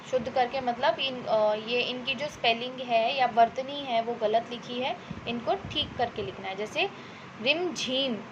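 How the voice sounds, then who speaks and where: Patient high-voiced woman teaching children. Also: highs cut off, background noise. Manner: patient, explains step by step with many "ठीक है" checks; slows down to dictate example sentences. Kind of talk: Hindi worksheet lesson for children.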